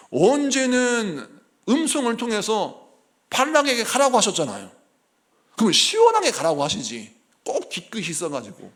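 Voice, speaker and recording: Man, pastor, sermon, animated storyteller, high voice, gravelly. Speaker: senior pastor.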